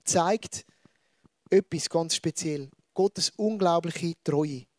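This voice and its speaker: A man preaching with a Swiss German accent, lively and conversational, turning to the audience with asides. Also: on the high side, slow, no room sound, clean studio sound. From Switzerland. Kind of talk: sermon.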